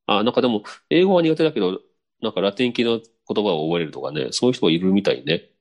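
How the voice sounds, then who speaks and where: A man's voice: on the low side, fast talker. A man hosting a podcast, reading listener messages aloud and chatting casually, often chuckling and answering with short "un" sounds. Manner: relaxed, chatty, frequent laughter and back-channel "un". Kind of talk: casual chat.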